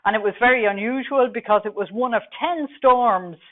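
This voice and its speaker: A middle-aged Irish woman with a Dublin accent gives a technical conference presentation, talking quickly with many fillers. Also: fairly high pitch. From Ireland. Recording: tinny phone-like recording.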